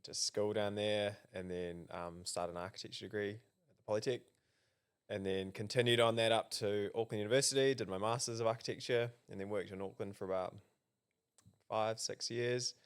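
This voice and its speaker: Guest: New Zealand man, low smooth voice, hesitant interview answers. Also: steady tone, moderate pace. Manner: hesitant, many ums and restarts. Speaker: political candidate, guest. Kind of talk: casual interview.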